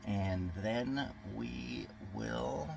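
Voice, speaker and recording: A man's voice: mid-range voice, drawn-out words, vocal fry, slight background noise, poor audio. A man vlogging from a boat on a river, talking in a rambling, chatty way with many fillers. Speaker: boating vlogger. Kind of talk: casual vlog narration.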